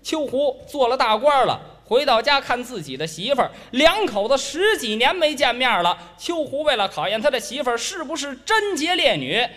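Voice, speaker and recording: A man's voice: extremely high pitch, very animated, moderate pace, hardly any pauses, pushed and bright. A man performing comic crosstalk on stage, scolding his partner in banter and breaking into Peking opera. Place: stage before a live audience.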